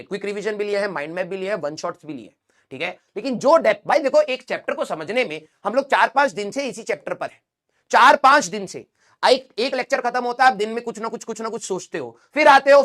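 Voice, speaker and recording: A man's voice: high voice, expressive, fast talker, fairly bright tone. A young man teaching, giving an earnest motivational talk to exam students and checking in with them often. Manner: earnest, addresses students as beta, frequent "theek hai?".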